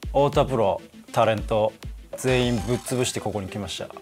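Deadpan, flat comedian man. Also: fairly low pitch, moderate pace, soft background music. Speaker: comedian contestant. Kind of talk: deadpan comic self-introduction.

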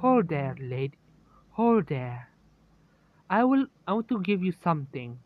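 A woman's voice: lowish voice, very animated, unhurried, narrow, tinny audio. A man voicing a smug, teasing girl spirit in a fan story, talking in a casual, chatty way.

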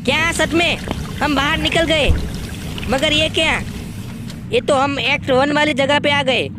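A man's voice: steady tone, unhurried. A man voicing a timid, easily frightened young man with a shaky voice, as gaming commentary in character. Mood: confused. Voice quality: high, shaky voice. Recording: noisy background.

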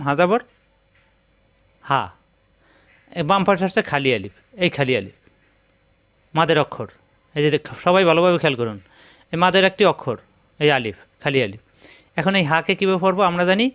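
Patient, high-voiced man teaching recitation. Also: a bit bright, clean tone. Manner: patient and repetitive, drilling rules and letter sounds. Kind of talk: step-by-step tajweed lesson.

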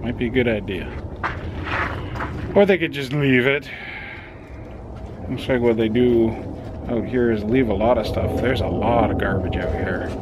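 A man's voice: medium pitch, measured pace, long pauses. A middle-aged man chatting casually to a handheld camera while walking his dogs outdoors on a desert trail. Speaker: vlogger. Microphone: handheld camera at arm's length. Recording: outdoor traffic noise. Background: outdoor ambience with distant traffic.

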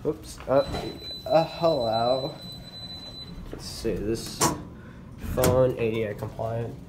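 Holding a phone camera, a young elevator-channel host walks through a mall elevator, slowly and enthusiastically praising the fixtures and muttering remarks to himself. His voice is mid-range. Background noise and faint ambience fill the echoey elevator.

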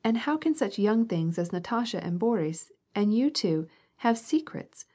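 A woman's voice: mid-range voice, very animated, moderate pace, warm tone, husky, pitched above the performer's own voice. A woman reading aloud and voicing a cool, scornful young noblewoman in an audiobook.

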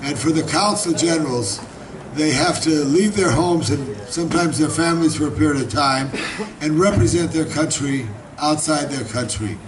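At a community reception held as an outdoor garden party at night, an older guest speaker from Los Angeles, United States, talks at a moderate pace in a raspy, high-leaning voice. His informal speech is warm and effusive, full of rambling and repetition. Filmed from afar at a handheld mic on a stand, the audio picks up the chatter of the gathered guests.

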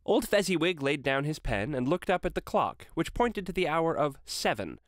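A man reading a classic story aloud with expressive, varied delivery. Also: a little high, normal speed, no echo, clean studio sound. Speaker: reader.

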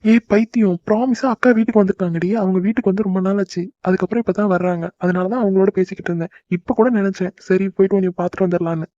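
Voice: mid-range voice, steady tone, mellow, dry recording, natural voice. A performer voicing a young man in a cartoon, a devoted son and boyfriend who coaxes his partner out of her tears. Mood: coaxing. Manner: brisk, coaxing, affectionate. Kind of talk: cartoon voice acting. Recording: dry, dull lo-fi recording.

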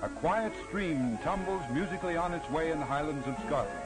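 A man narrating an old 1940s wartime newsreel in a measured, formal, polished manner, with music playing loudly behind him. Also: fairly high pitch, expressive, low-quality recording. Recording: narration over loud background music.

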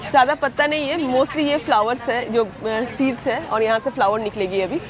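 Her voice is on the high side and fairly quick as this Indian vlogger in her thirties browses vegetables at an outdoor farmers market. Chatty and casual, she talks to viewers while handling produce, filmed handheld with the market crowd chattering nearby.

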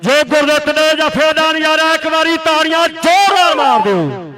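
A man's voice: very high-pitched, lively intonation, moderate pace. A man with a Punjabi accent giving frantic, urgent rural sports commentary, repeating phrases for emphasis. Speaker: kabaddi commentator. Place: outdoor village sports ground. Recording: outdoor PA with crowd noise.

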